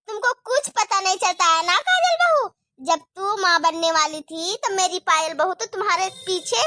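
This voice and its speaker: A woman's voice: extremely high pitch, dry recording, studio quality. A woman voicing a nagging, taunting middle-aged mother-in-law in a cartoon story. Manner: sharp, taunting, complaining.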